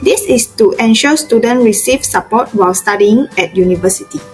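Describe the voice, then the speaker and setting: A young woman reading documentary narration full of figures, slow and careful over the numbers. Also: a little high, a little mellow, faint music behind, poor audio. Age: young adult.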